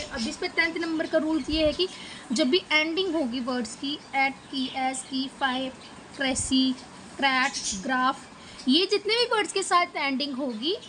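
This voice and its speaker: A woman's voice: high voice, bright, forceful tone, slight background noise, poor audio. A woman teacher from Punjab, India, with an Indian English accent, explaining a lesson step by step and often checking in with "okay". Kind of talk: exam-prep lesson.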